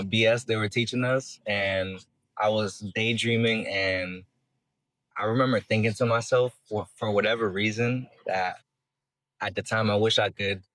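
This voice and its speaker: A man's voice: on the low side, a bit bright, no room sound. A man from Massachusetts, a musician with his own brand, talking in a laid-back, slangy way and swearing casually. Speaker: musician and clothing brand creator. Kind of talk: casual interview answers.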